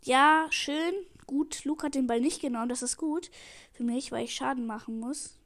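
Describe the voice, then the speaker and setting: A teenage girl giving excitable live commentary on her own match, pleading and calling out every move into a headset mic. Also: sits high, brisk. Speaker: gamer streaming her match.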